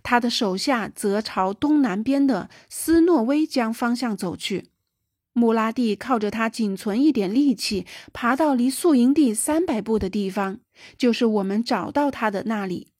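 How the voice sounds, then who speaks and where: Woman, storybook narration, somewhat high pitch, dry sound. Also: normal speed, darkish tone, no room sound. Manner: raises pitch and volume for quoted dialogue. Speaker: audiobook narrator. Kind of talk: scripted narration.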